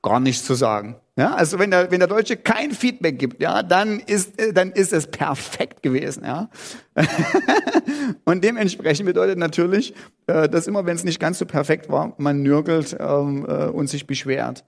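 A middle-aged man preaching a sermon as pastor, talking conversationally with many fillers and lively quoted voices. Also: a little high, moderate pace, creaky. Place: church hall. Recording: long reverb of a church hall.

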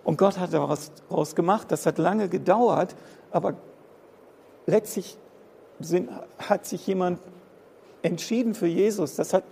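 A man preaching with a gravelly, mellow voice, pitched a little high for a man. He presses his points home by repeating phrases over and over. His voice rings through a church hall with long reverb over a faint hum of room noise. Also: unhurried, pauses often. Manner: impassioned, repeats phrases for emphasis. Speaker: pastor. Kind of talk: sermon.

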